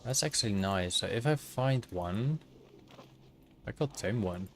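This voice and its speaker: Streaming a game from the Netherlands, a man chats with his viewers, often thinking aloud with fillers and false starts. His lowish voice is animated and unhurried, with a little background noise.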